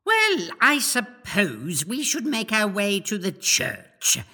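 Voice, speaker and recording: An actor playing a sardonic, gleeful medieval court prankster, droll and mischievous, in an echoing hall. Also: male voice, high voice, wildly swooping pitch, takes it slowly, sharp tone, exaggerated voice. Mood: dry, reluctant.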